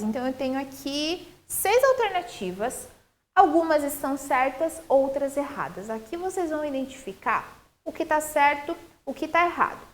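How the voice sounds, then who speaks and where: Brazilian woman, children's teacher, high bright voice that swoops up and down, sing-song explaining. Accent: Brazilian Portuguese. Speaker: primary school teacher. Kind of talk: recorded classroom lesson.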